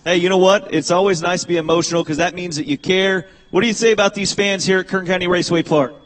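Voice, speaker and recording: High-voiced dude doing victory lane interviews, folksy, says i tell you what a lot. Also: male voice, steady tone, fast talker, rough recording. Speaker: track-side interviewer.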